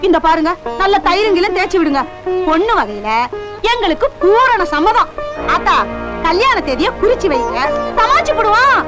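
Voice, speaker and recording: A woman's voice: very high voice, very animated, moderate pace, over loud music. An actress playing a cheerful, middle-aged village matron, the groom's mother, fussing and gushing in a 1980s Tamil film drama. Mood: effusive. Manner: effusive, fussing.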